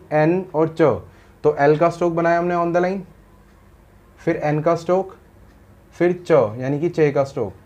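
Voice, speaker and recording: A man with a voice a bit above the usual pitch teaches shorthand outlines to his students. He goes through each word step by step and keeps stopping to check that they have understood. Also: darkish tone, lo-fi sound. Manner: explains patiently, often asks "samajh aaya?". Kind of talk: step-by-step lesson.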